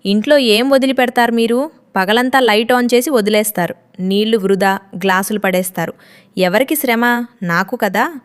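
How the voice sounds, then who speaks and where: A woman voicing a harsh young daughter-in-law who scolds in a sharp, complaining tone. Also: medium pitch, fairly even intonation, moderate pace, smooth, lightly acted. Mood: angry.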